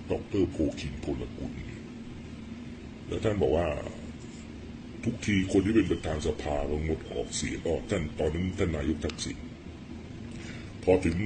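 A middle-aged man giving blunt, rough-spoken political commentary in a casual storytelling monologue. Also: low voice, background noise.

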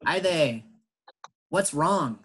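Slow, patient bilingual English teacher man. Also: on the high side, lively intonation, fairly bright tone, slightly rough, poor audio. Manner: slow, patient explaining, switching between English and Spanish. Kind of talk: bilingual classroom lesson.

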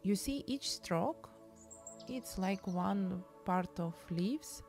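A woman in her thirties with a Ukrainian accent films a travel and painting vlog on her phone, held at arm's length, moving between an outdoor beach and an art studio. She chats in broken English at an extremely slow pace, her medium-pitched voice lively in intonation and darkish in tone. Faint music plays in the background.

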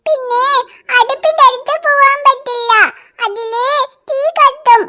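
A tiny cartoon girl with a piercingly high, sparkling voice. She is an earnest big sister who coaxes and comforts her baby brother, and her childlike tone rings bright and sharp. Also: fairly even intonation, measured pace, heavily acted. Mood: soothing. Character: little girl, caring older sister. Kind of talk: cartoon voice acting.

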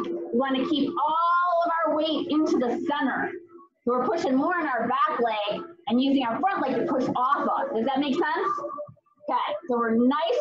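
A woman's voice: high voice, muffled recording. A woman speaking as an aerobics instructor for kids, calling out drills and counts in short, encouraging commands. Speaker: kids' fitness instructor.

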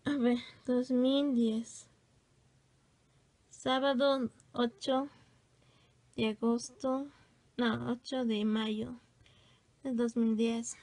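A woman's voice: on the high side, level tone, drawn-out words, long pauses, darkish tone. A woman casually showing off her old hand drawings, gushing and exclaiming as she goes. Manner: gushing, exclamatory, self-teasing. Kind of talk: casual show-and-tell.

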